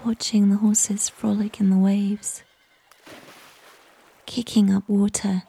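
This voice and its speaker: A woman whispers a guided relaxation story about nature. Her voice is very breathy and soft, with an even, barely moving melody. She goes slowly and soothingly, leaving long pauses between short phrases. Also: mid-range voice.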